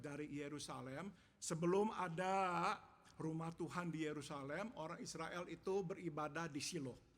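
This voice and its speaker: A male pastor delivering a sermon in measured, emphatic phrases, repeating each point in English after saying it. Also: a little high, a bit bright. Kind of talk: bilingual sermon with self-interpretation. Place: church. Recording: long church reverb.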